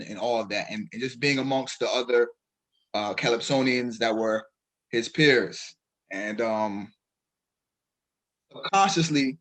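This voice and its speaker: A man from Brooklyn, New York, with a Barbadian (Bajan) accent, appears as a poet guest in a radio interview. His medium-pitched voice sounds hesitant, full of restarts and fillers, and the recording quality is low.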